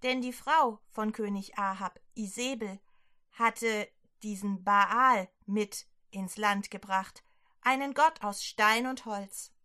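A woman leading a prayer and telling a Bible story to children, gentle and clearly spoken. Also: a little high.

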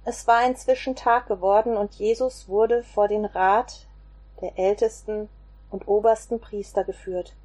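A woman reading a children's Bible story aloud in a slow, expressive way. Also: medium pitch.

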